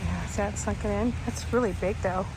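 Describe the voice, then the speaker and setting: A woman talks in a casual, unscripted way at a middling pitch, thinking aloud as she goes. She sounds like a vlog host narrating a walk around a cemetery. The recording is outdoors, with plenty of traffic and ambient noise behind her. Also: fairly quick. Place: outdoors in a cemetery, cold and rainy.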